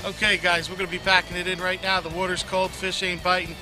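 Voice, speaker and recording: A man's voice: sits high, quick pace, over music, poor audio. Upbeat man signing off outdoors. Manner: relaxed, upbeat sign-offs. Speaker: fishing show co-host. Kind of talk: casual outdoor fishing vlog. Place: outdoors by the water. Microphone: camera mic, close shot.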